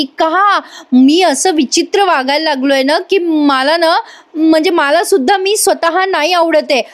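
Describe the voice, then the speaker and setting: A woman's voice: high-pitched, natural voice. A woman reading the lines of an anxious, apologetic young husband in a voice-over retelling of a soap episode.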